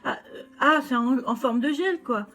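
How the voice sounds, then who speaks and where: Woman vlogger, high voice, chatty and unpolished, light music underneath. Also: normal speed, a bit bright. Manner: chatty, many fillers and restarts. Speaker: vlogger showing shopping haul. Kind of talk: casual chat.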